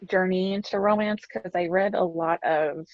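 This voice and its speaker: A woman's voice: lowish voice, steady tone, moderate pace, no room sound. A woman author being interviewed, chatty and laughing easily, hesitant with ums. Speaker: author guest. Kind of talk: casual interview chat. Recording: slightly muffled dry sound.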